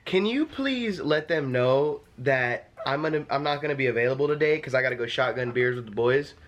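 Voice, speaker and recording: A man's voice: mid-range voice, expressive, fairly quick, a bit bright, highs cut off. A man in his twenties making a casual prank call in a bedroom, stammering and repeating his words. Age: 20s. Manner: repetitive, stammering delivery. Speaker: prank caller. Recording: faint room noise.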